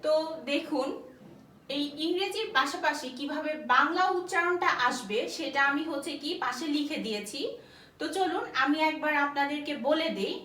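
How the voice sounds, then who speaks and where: A woman's voice: high voice, normal speed, pushed and bright, a little hiss or hum. A woman teaching a beginners' language class, patiently repeating each letter for her students to copy. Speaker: English teacher. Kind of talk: spoken language lesson. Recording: roomy sound, mic at a distance.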